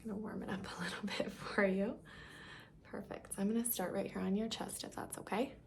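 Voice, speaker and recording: A woman in a whispered role-play as a caring doctor, speaking softly and breathily with gentle reassurance. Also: mid-range voice, fairly even intonation, a little fast, a little hiss or hum. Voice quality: breathy, soft. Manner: soft-spoken, gentle, reassuring, half-whispered. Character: caring, reassuring female doctor giving a check-up. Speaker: ASMR performer playing a doctor.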